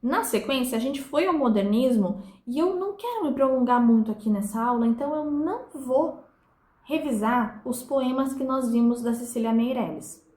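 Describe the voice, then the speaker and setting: A Brazilian woman with a rather high voice teaches a recorded literature review lesson. She slows right down to read verses and split them syllable by syllable, keeping a patient, didactic manner. The sound is echoey, as if recorded in a reverberant room. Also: a little mellow. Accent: Brazilian Portuguese.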